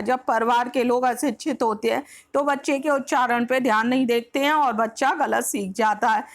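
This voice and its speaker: Higher-pitched woman teaching exam prep. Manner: reads a point, then re-explains it in plain words; mixes English words into the explanation.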